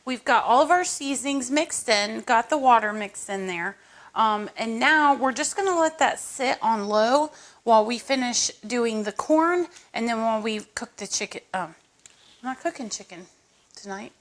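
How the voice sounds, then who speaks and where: A fairly high-voiced woman talks viewers through a recipe in her home kitchen. Her tone is chatty and casual, with asides and small jokes as she cooks. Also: expressive, normal speed. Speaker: cooking show host. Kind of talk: casual cooking tutorial.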